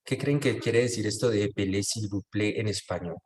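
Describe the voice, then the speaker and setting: A man's voice: lowish voice, a little fast, darkish tone, a little hiss or hum. A man teaching French in an online class, patiently checking that students follow and mixing French phrases into Spanish explanations over a video call. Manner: patient, often checks understanding with tag questions.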